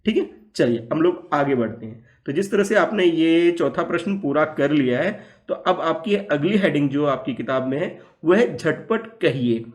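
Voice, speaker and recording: A man teaching a class of small children, his voice sitting a little high for a man. He talks patiently and slowly, repeating each word and asking questions back. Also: animated. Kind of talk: classroom lesson for young children.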